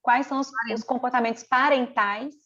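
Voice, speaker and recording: A woman's voice: sits high, fairly even intonation, normal speed, a bit bright, highs cut off. A middle-aged woman, teaching a mentoring group over a video call in an earnest, conversational way, full of rhetorical questions. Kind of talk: online mentoring lesson.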